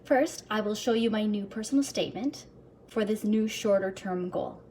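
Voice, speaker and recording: Chatty and earnest, a woman self-help vlogger addresses her viewers directly in an upbeat personal vlog, at times reading from a script she wrote. She talks at a moderate pace in a dark, mid-range voice, with slight background noise present.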